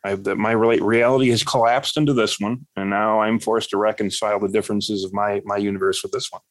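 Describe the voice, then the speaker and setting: A man co-hosting a podcast, chatting casually and telling stories in a rambling, animated way. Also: lowish voice, quick pace, no echo. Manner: rambling, animated storytelling with quoted voices. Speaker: podcast co-host. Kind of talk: casual chat.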